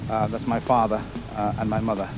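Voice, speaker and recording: A middle-aged man from Kenya, a navy petty officer answering interview questions in an unhurried, hesitant way with many fillers. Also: fairly low pitch, completely flat delivery, music in the background, rough recording.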